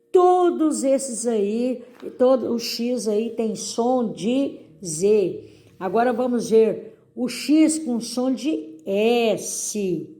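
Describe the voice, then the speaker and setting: A middle-aged woman, a teacher going over exercises in a recorded lesson and stressing each word slowly for her pupils. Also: on the high side, dark tone.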